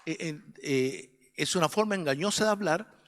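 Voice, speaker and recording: A man with a fairly high voice speaks at a moderate pace in a large hall. He has a Chilean Spanish accent and teaches adults at Sunday school in a church classroom, preaching earnestly and often seeking his audience's agreement.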